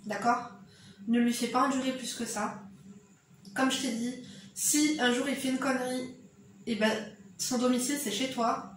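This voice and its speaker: A woman's voice: sits high, steady tone, normal speed, pauses often, slight background noise. Frank Algerian-accented woman in echoey room. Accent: eastern Algerian. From eastern Algeria. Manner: frank, direct, motherly advice-giving. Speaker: YouTuber. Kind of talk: casual advice commentary to camera. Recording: very echoey room, mic at a distance.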